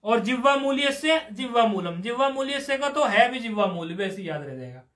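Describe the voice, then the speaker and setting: High-voiced man teaching Sanskrit grammar. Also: animated, a little fast, fairly bright tone. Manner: patient, explains step by step, questions students. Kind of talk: live classroom lesson. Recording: roomy echoey room.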